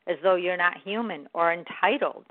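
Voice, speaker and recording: A woman giving a gentle, encouraging and reflective motivational self-help talk. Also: on the low side, moderate pace, no echo. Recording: dry, tinny phone-like sound.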